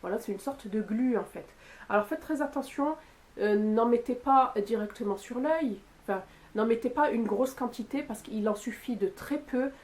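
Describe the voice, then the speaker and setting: A woman's voice: a little high, moderate pace, darkish tone. Chatty French-speaking woman, beauty haul. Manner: chatty, with frequent fillers and "voilà". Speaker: beauty youtuber. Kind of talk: casual product haul talk to camera.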